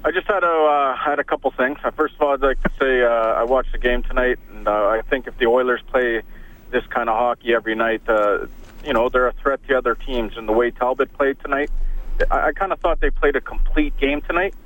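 A man giving his casual opinion as a call-in radio listener, in a halting way. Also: mid-range voice, fairly even intonation, a bit bright, rough recording.

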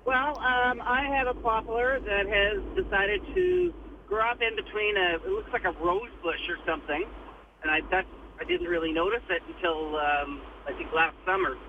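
A woman's voice: mid-range voice, expressive, normal speed. A woman phoning in casually from a car over hands-free, with road noise that sounds like a train platform. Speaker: phone-in caller. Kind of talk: casual question to a gardening show. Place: in a moving car on a highway. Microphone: Bluetooth hands-free phone call. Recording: dull noisy hands-free car phone line. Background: loud road noise like a train platform.

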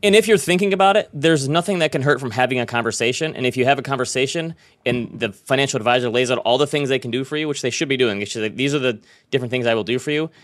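Very fast-talking male podcast host, dry sound. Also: mid-range voice, fairly bright tone, no echo. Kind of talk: casual podcast talk.

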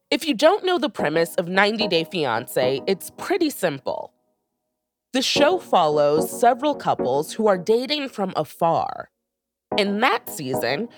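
A woman hosting a podcast, reading a scripted narration in a lively storytelling way. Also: mid-range voice. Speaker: podcast host.

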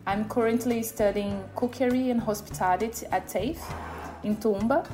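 A Brazilian woman in her thirties, a native Portuguese speaker with a Brazilian accent, casually tells her personal story as an interviewee. Her voice is a little high at a moderate pace, with background music behind it.

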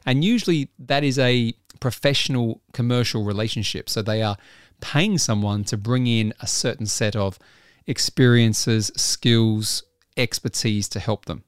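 A man hosting a solo business podcast, talking casually with a husky voice from a frog in his throat. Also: medium pitch, unhurried, dry recording, clean studio sound. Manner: conversational, clears throat, occasional laughs. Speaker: podcast host.

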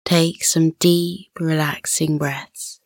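A woman narrating a children's sleep story in a gentle, soothing, unhurried way, as the host of a scripted bedtime podcast. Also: low voice, little pitch movement, no echo. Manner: soothing, gentle, unhurried guided-relaxation delivery.

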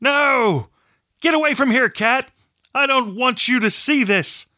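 A man voicing a desperate older father held prisoner, shouting in anguish. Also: extremely high pitch, a little slow, no room sound, clean studio sound, pitched above the performer's own voice, exaggerated voice. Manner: screaming, anguished.

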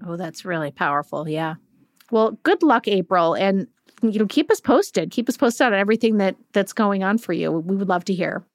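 A woman co-hosting a podcast in a casual chat, mid-pitched and supportive, with lots of quick agreement. She thinks aloud in short, trailing phrases. The recording is close and dry. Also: lively intonation, no room sound. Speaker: podcast co-host.

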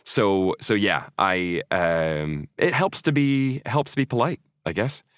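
Low-voiced man telling stories. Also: animated, slow, fairly bright tone, no room sound. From Norway. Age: 40s. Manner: chatty, self-mocking storyteller. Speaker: actor guest. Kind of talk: casual interview chat.

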